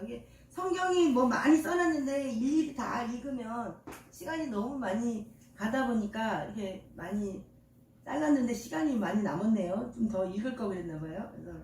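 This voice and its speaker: A woman's voice: a little high, a little mellow, slight background noise. An older woman pastor preaching a sermon, quizzing the congregation with call-and-response questions and homely, folksy examples. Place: church sanctuary. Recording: echoey church from far off.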